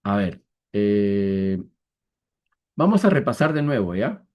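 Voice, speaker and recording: A man teaching an online math class on a video call. He speaks patiently, checks often that students follow, and counts through examples slowly, step by step. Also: fairly low pitch, sing-song, highs cut off. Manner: patient, repetitive, checks understanding with "¿ya?"; slow, deliberate step-by-step counting.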